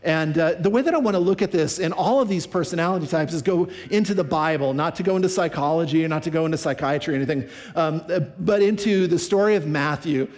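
A male pastor with a high voice preaches to his congregation in a loose, conversational way, often restarting a phrase and acting out quick quotes. A long reverb from the large hall trails after each phrase. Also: a little mellow. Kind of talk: sermon.

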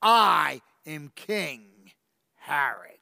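A vain, tyrannical ancient king, played by a man, who boasts in a high, bright, cutting voice. He speaks slowly and savors every threat, pompous and menacing. The close, dry voice trails off into a long hall reverb. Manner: pompous, menacing, with slow drawn-out emphasis. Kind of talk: first-person dramatic monologue.

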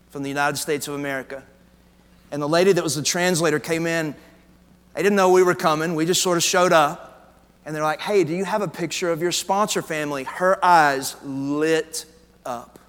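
A man's voice: fairly high pitch, fairly bright tone. A man, a pastor, telling stories in a casual way during a sermon and interviewing a guest on stage. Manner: casual, storytelling delivery. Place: large church auditorium. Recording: long hall reverb.

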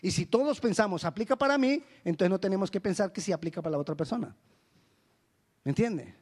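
A male pastor preaching a lively sermon, acting out little dialogues with humor. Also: sits high, fast talker, breathy edge.

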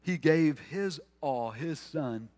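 A man preaching a sermon as a pastor, earnest, restarting phrases and slowing into dramatic pauses on key words. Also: fairly high pitch, animated, darkish tone.

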